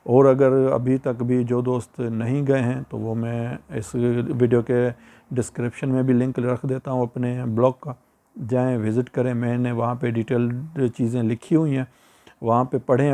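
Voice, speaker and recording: Pakistani Urdu-accented male vlogger, gravelly and flat, chatty and advising, repeats points. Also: mid-range voice. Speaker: YouTuber giving immigration advice. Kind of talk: casual advice vlog.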